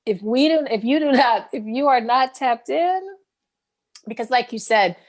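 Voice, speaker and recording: A woman's voice: on the high side, animated, moderate pace. A woman podcast host speaking emphatically, often restarting and repeating phrases as she makes her point. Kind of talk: casual interview chat.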